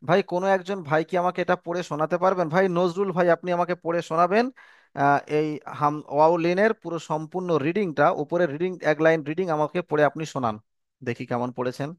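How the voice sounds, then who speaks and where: A man teaching Quran letter reading in an online class, slow and patient, repeating phrases and calling his students brother. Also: a little high, no room sound, highs cut off. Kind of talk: online lesson.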